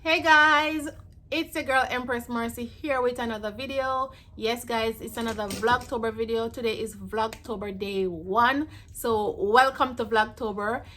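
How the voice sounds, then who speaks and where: A woman's voice: a little high, measured pace, sharp tone, slight background noise. A woman hosting her own home vlog, chatting casually to camera and calling her viewers "guys". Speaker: vlogger hosting her channel. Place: at home, setting up a brunch.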